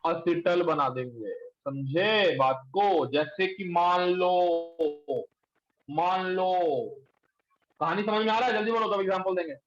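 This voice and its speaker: High-voiced male chemistry teacher, echoey room. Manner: quizzes students, urges quick answers. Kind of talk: classroom lecture. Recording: echoey room, dull lo-fi sound.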